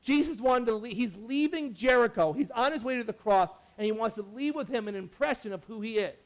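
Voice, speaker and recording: High-voiced man preaching a chatty sermon. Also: brisk. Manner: chatty, animated, full of asides and restarts. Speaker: pastor. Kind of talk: casual sermon.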